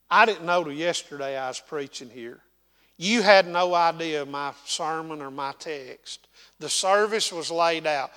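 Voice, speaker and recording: A man's voice: a little high, pushed and bright, long reverb tail. A man with an Appalachian hillbilly accent preaching a folksy, dynamic sermon in a church. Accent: Southern Appalachian. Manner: folksy, dynamic, drawn-out emphasis. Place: church sanctuary.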